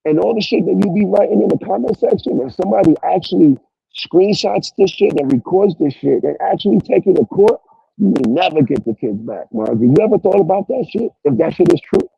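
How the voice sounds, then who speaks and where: A man's voice: high-pitched, expressive, fairly quick, creaky, husky, no echo, highs cut off. A man hosting a livestream, ranting at people in a profane, confrontational, repetitive way. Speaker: live stream host. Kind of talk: heated livestream rant. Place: at work.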